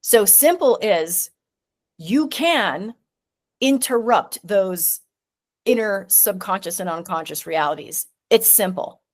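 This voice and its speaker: A middle-aged woman talking as a podcast guest in casual conversation, animated and quick to act out little voices. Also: mid-range voice. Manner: animated, acts out voices in anecdotes, swears casually. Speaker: guest, neurosculpting teacher.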